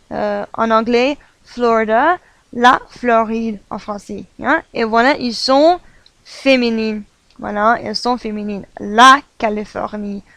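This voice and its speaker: Woman, French teacher, slightly high voice, dry close sound, patient explainer who repeats examples. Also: fairly bright tone, no echo. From United States. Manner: patient, repeats examples, fills with "voilà" and "euh". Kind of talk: French grammar lesson.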